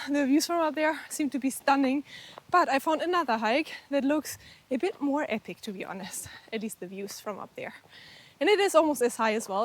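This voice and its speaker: A young woman with a way of talking, chatting eagerly to the camera while hiking outdoors, a little out of breath. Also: high-pitched. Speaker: travel vlogger. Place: outdoors on a mountain hike.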